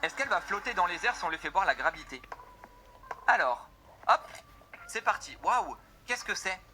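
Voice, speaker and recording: A young man giving casual, excitable gameplay commentary, joking with his viewers. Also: high voice, normal speed, slight background noise. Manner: excitable, jokey, addresses viewers as "les gars". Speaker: gaming video creator.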